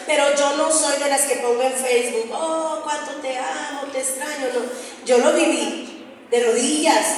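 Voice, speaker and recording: A middle-aged woman with a high voice, a preacher and singer, earnestly preaches to a women's group and has them read along. The recording comes from a distant mic in an echoey hall, with faint ambience and a little hiss or hum.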